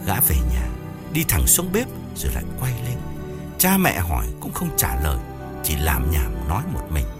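A man narrating an audiobook story in a steady storytelling manner. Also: a bass voice, moderate pace, over loud music. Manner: steady storytelling, voices each character.

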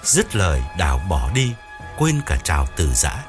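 Brief: male audiobook narrator, low voice with a very lively melody, soft music behind. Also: unhurried. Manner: steady storytelling, voices each character. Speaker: storyteller.

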